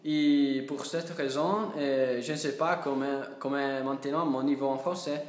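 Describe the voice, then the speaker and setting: A young man, a native Italian speaker with an Italian accent, speaking halting broken French with learner's errors in a casual vlog to camera. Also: mid-range voice, steady tone. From Italy. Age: young adult. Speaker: language learner making a video. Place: small indoor office. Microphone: phone at arm's length. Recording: echoey room sound.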